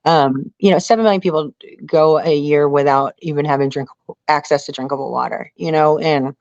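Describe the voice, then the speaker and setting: Here a middle-aged American woman who competed on an outdoor survival show and fishes is interviewed, rambling casually and earnestly while leaning on "you know." She has a low, darkish voice with fairly even intonation and a fairly quick pace. The audio is close and dry with no echo, slightly muffled on top.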